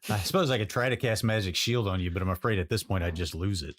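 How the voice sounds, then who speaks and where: A man's voice: on the low side, quick pace. A man playing a tabletop game, hesitant and wry, cracking jokes. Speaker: player.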